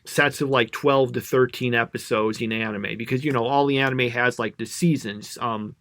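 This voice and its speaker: A man's voice: medium pitch, fairly even intonation, moderate pace, a bit bright, no room sound. Rambling man on a dry podcast mic. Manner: rambling, self-doubting, thinks aloud with fillers. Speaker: podcast co-host. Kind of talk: casual podcast chat.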